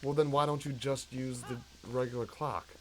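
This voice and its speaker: A man's voice: mid-range voice, fairly even intonation, normal speed, a little hiss or hum. A young American man co-hosting a gaming channel, chatting casually over gameplay in a playful, teasing way.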